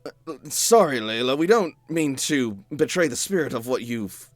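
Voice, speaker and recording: A man voicing a measured, apologetic researcher father in a tabletop role-play. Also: medium pitch, expressive, dry recording, faint music behind, close to an everyday voice. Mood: earnest. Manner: measured, explanatory.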